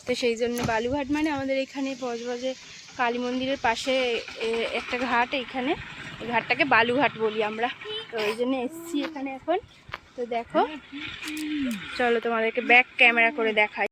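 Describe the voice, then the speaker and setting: A woman's voice: on the high side, fairly even intonation, fairly quick, pauses often, background noise. A young woman with a Bengali accent, chatting casually through a daily vlog, filling her talk with "so". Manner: chatty, filler-heavy, keeps saying "so". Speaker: vlogger. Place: home and outdoors on streets and by the river.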